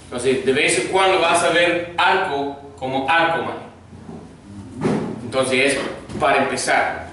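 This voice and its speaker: Slow, patient male Greek teacher in an echoey room. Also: medium pitch, pushed and bright. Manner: slow, patient drilling with repeat-after-me prompts. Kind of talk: classroom grammar lesson. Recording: echoey room, mic far off, faint noise.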